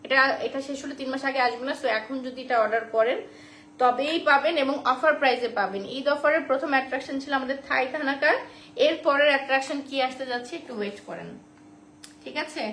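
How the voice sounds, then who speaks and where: A woman's voice: high voice, quick pace, fairly bright tone. A woman selling skincare products on a live stream, chatty and repeating the prices and offers. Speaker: online shop seller. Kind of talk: live-stream sales pitch. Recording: roomy echo, faint background noise.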